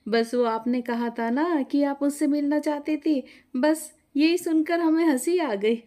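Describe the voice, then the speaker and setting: A woman's voice: sits high, measured pace, voice pushed up. A woman voicing a cheerful, friendly married daughter in a family story. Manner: bright, laughing, friendly. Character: cheerful married daughter who visits daily.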